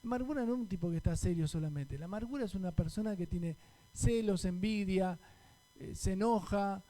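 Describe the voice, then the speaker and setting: A man's voice: high voice, a little fast, mellow. A man with a Rioplatense Spanish accent, a pastor preaching a conversational sermon and asking the congregation questions. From Argentina.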